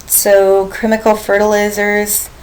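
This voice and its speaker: A woman lecturing her biology class at a mid-range pitch. She explains step by step and keeps turning to the students with questions, reminding them of what they covered before. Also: monotone, unhurried, poor audio.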